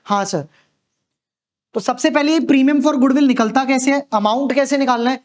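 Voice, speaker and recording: This accountancy lecturer speaks at a moderate pace in a very high voice with a steady tone. He asks questions, supplies the answers his students might give, and repeatedly checks in with a comforting "okay" throughout the lecture.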